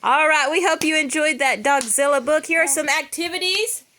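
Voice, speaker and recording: A crowd can be heard behind a woman reading a children's picture book aloud in a high-sitting voice at a moderate pace. Her storytelling is dramatic and full of theatrical emphasis.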